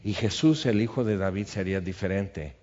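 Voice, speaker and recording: A man's voice: fairly low pitch, moderate pace, darkish tone. A man preaching a sermon, animatedly acting out biblical dialogue. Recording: dull lo-fi sound.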